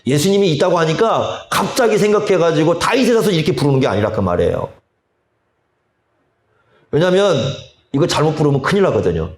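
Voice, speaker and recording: A male pastor preaching a sermon, slow and deliberate, often asking the congregation rhetorical questions. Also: fairly high pitch, expressive. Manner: slow, deliberate delivery with drawn-out phrases. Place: church sanctuary. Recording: echoey church hall.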